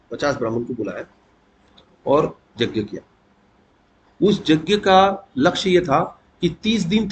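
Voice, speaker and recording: Male speaker, casual devotional storytelling, dull lo-fi recording with faint hiss. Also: mid-range voice. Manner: conversational, mixes English words into Hindi; clears throat often.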